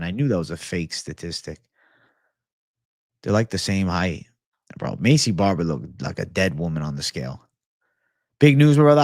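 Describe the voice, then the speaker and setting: On a casual livestream, a young adult American man who hosts MMA content reads superchats and answers viewer messages in a low, settled voice. Relaxed and slangy, he calls everyone bro. The audio is close and dry with no echo, captured by a desk microphone in front of him in a small home studio room with shelves.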